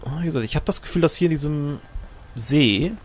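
A man's voice: fairly high pitch, fairly quick. A man giving casual, joking let's play commentary while he plays, talking to himself and his companion.

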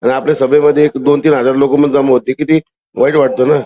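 A caller from Maharashtra, India, argues insistently over a muffled phone line, pushing in over the other person. His medium-pitched voice is flat and fast.

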